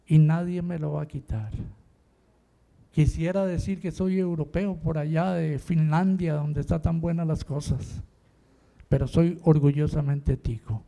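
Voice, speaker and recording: An older man from Rica, preaching an impassioned sermon that swings between quiet talk and shouting. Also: fairly high pitch. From Costa Rica.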